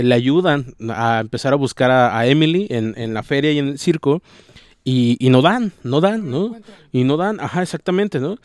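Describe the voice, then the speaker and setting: A man's voice: medium pitch, clear, resonant tone, no room sound, clean studio sound. A man with a Mexican accent casually retelling a novel's plot, rambling and tagging nearly every phrase with a question. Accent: Mexican Spanish. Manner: slangy and informal. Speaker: book discussion host.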